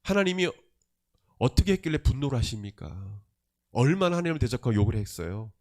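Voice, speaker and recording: Animated Korean pastor preaching a sermon. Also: male voice, medium pitch, a little fast. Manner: emphatic, rhetorical questions, swings between loud and soft.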